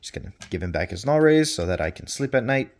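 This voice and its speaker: A man's voice: fairly low pitch, sing-song, fast. A man chatting casually through a toy review with playful swearing, his voice carrying a noticeable room reverb.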